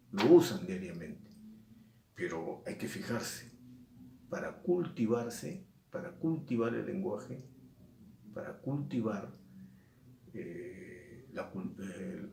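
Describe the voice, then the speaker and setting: A male teacher, explaining a lesson slowly and repeating and stressing key words. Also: lowish voice, gravelly, mellow, slight background noise. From Peru. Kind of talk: recorded lesson. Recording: echoey room, mic at a distance.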